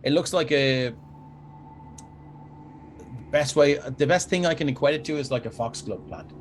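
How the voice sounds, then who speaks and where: A man's voice: on the high side, moderate pace. A man running a tabletop game as game master, narrating casually to his players.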